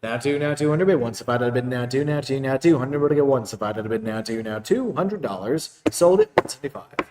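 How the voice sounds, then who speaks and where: An auctioneer with a medium-pitched, darkish male voice calls bids in a rapid, repetitive, rhythmic chant, pausing to announce each lot plainly. He's animated and quick, recorded far from the mic with a roomy echo and a little hiss or hum.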